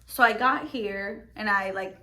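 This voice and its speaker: Speaking at a measured pace in a medium pitch, this young Mexican podcast host has a bright, forceful tone. She tells a lengthy personal story in casual conversation, rambling with plenty of fillers and restarts.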